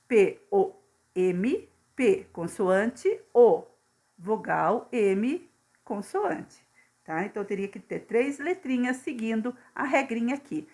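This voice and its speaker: A woman teacher, patiently going through a lesson step by step and often checking in with her students. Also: fairly high pitch. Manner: patient, step-by-step explaining with frequent checks like "tá bom?". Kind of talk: classroom lesson, correcting exercises.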